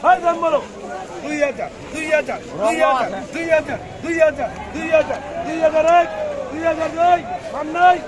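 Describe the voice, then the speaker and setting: A man working as an auctioneer, loudly chanting prices over and over to call for bids. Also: very high-pitched, moderate pace, over a noisy crowd. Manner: loud, repetitive calling of prices. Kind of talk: auctioneer's chant, calling bids in rapid repetition. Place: outdoor wholesale fruit market. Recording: noisy crowded outdoor market, street traffic.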